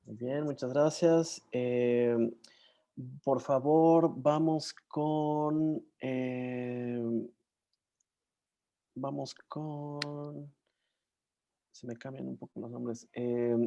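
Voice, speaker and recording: A man moderating an online session over a video call, often pausing and searching for words and names. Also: medium pitch, fairly even intonation, gravelly, warm tone, highs cut off. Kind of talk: casual online session hosting.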